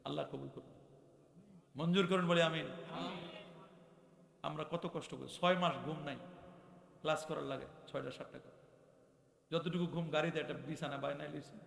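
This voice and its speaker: Preacher, male; gravelly, sharp voice, echoey PA sound. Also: fairly high pitch, steady tone, moderate pace, long pauses. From Bangladesh. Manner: impassioned, repeating phrases and rising to shouts. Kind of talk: waz sermon.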